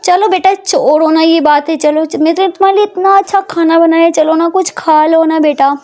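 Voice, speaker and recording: A woman's voice: very high voice, moderate pace, darkish tone, pitched above the performer's own voice. A woman putting on a fretful, doting mother. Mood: soothing. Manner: pleading, coaxing, then fiercely protective. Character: worried, doting middle-aged mother.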